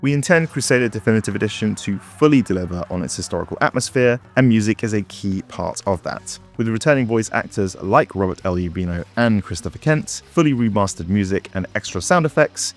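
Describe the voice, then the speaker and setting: A man's voice: fairly low pitch, expressive, fairly quick, hardly any pauses. A man presenting as a game developer in scripted promotional narration, with wry, playful asides. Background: background music.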